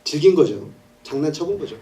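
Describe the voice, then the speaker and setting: A male pastor preaching an animated sermon, telling the story with laughs and acted-out scenes. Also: on the high side, brisk, far from the mic.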